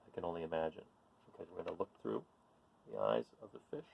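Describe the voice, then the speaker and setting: With a low, creaky voice and fast delivery, a man reads a picture book aloud for children, keeping it informal and expressive as he poses questions and cheers them on. The recording has a lo-fi sound.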